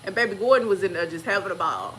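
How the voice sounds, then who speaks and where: Bright-voiced woman telling a story casually. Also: quick pace, a little hiss or hum, poor audio. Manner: animated, acts out quoted voices with big pitch jumps. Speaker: channel host.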